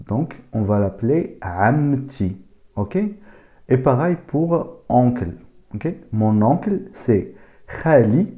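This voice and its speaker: A man giving a casual spoken language lesson, saying each word slowly and repeating it several times. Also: mid-range voice, dark tone. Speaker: language teacher.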